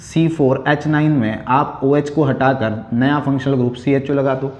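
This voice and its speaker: A man's voice: medium pitch, steady tone, darkish tone, lo-fi sound. A male chemistry teacher giving a classroom lecture, explaining step by step and asking questions he then answers himself. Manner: slows down to dictate key lines. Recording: echoey room.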